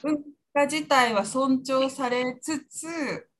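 A woman's voice: sits high, takes it slowly, fairly bright tone, a little hiss or hum. A woman in a casual conversation, phrasing her points in a thoughtful, tentative way. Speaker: talk show guest.

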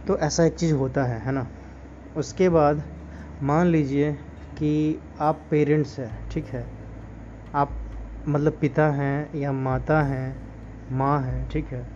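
Guy giving an earnest moral talk, lots of rhetorical questions, slightly high voice, dull lo-fi sound. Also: warm tone, a little hiss or hum. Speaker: podcast host. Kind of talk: casual spoken monologue.

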